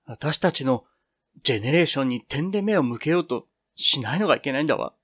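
A man's voice: medium pitch, animated, quick pace, a bit bright, no echo, clean studio sound. A man reading the part of Toku, a young woman student speaking with impassioned bitterness in a storybook reading. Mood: agitated, bitter. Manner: impassioned, lamenting.

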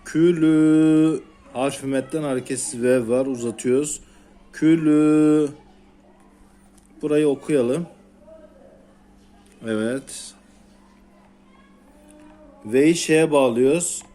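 Turkish guy teaching quran reading, stretches each syllable out real slow. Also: mid-range voice, warm tone, faint music behind. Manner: slow, drawn-out syllables repeated for learners. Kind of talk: syllable-by-syllable recitation lesson.

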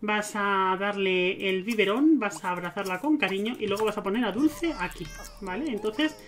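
A man's voice: sits high, normal speed, a bit bright, faint music behind. A man giving casual gameplay commentary, chatting to his game characters. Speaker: let's play gamer.

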